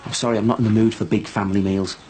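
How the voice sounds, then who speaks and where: A young man playing a moody, grudging boyfriend in a soap drama, with a gruff, sullen manner. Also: fairly low pitch, level tone, racing, mellow, soft background music, lightly acted.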